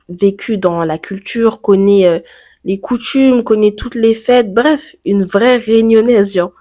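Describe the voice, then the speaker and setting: A French teenage girl and YouTuber with a mid-range, slightly mellow voice talks to her camera in a personal vlog, thinking aloud with plenty of fillers and rhetorical questions.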